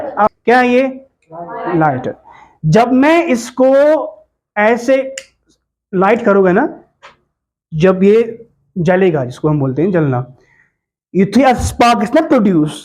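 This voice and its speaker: A man teaching pronunciation to a class, repeating words slowly in drills and checking whether the students follow. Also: extremely high pitch, lively intonation, a little mellow.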